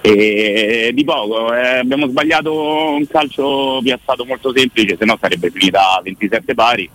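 A man giving live radio commentary as a reporter, with emphatic, deliberate and rhetorical Italian speech. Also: mid-range voice, a bit bright, low-quality recording.

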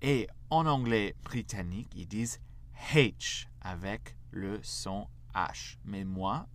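A man's voice: fairly low pitch, animated, slow pace, slight background noise. An American man with an American accent, patiently giving a language lesson and drilling letters for learners to repeat. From United States. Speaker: English teacher.

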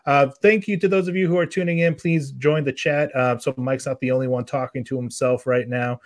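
Male livestream host from New Hampshire, relaxed, dry close sound. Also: mid-range voice, fairly quick, no room sound. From New Hampshire, USA. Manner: easygoing, hesitant with fillers. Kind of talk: casual chat.

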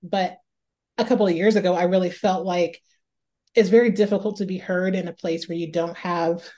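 A woman author from Northeast Ohio, guesting in a reflective interview, talks through her ideas at a moderate pace. Her slightly low voice is mellow and relaxed, and she tends to repeat a word before moving ahead as she thinks aloud.

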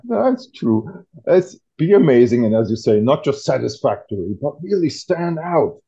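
A man's voice: medium pitch, sing-song, normal speed, creaky, dark tone, slightly rough. A man explaining things with enthusiasm as a guest author in an interview. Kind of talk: casual interview talk. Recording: dull lo-fi audio.

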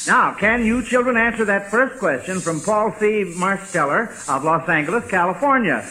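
A man's voice: high voice, lively intonation, moderate pace, pushed and bright, rough recording. A man with an American accent hosting an old-time radio quiz in a folksy way, with hesitations and repeated words. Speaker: quizmaster host. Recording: hissy vintage radio broadcast.

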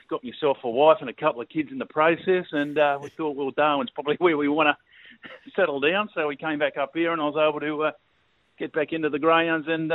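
A middle-aged Australian man talks quickly and at length, easygoing and rambling with plenty of fillers. His voice comes over a tinny phone line with a dry sound. His pitch sits at an ordinary middle level. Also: no echo. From New South Wales, Australia. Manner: laid-back rambling storyteller, many fillers. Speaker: race caller, guest. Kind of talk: casual interview.

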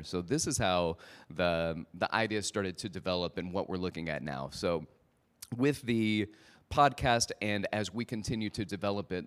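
Hosting a podcast live at a conference, a man speaks into a microphone in an informal, joking way to the audience in front of him. His voice sits low, with a fairly bright tone.

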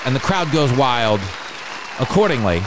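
A middle-aged man hosting a podcast, delivering a casual comedic monologue as an animated, sardonic rant. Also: medium pitch, normal speed, a loud crowd, heavy background noise. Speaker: podcast host.

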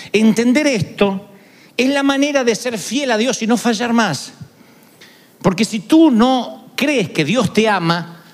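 High-voiced animated male preacher, echoey hall. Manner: animated preaching, acting out people's quoted words. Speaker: pastor. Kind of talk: sermon. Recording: echoey hall with long reverb.

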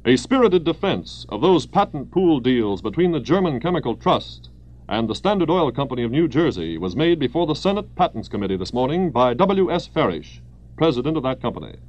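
A man's voice: medium pitch, sing-song, fairly quick, darkish tone. An American man reading formal, declamatory wartime news bulletins as a 1940s radio newscaster, in an old newsreel manner.

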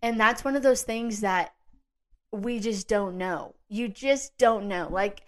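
A woman's voice: medium pitch, takes it slowly. Chatty woman hosting a faith podcast. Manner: chatty and earnest, with frequent fillers and asides. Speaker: podcast host. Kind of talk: casual faith talk, solo podcast recap.

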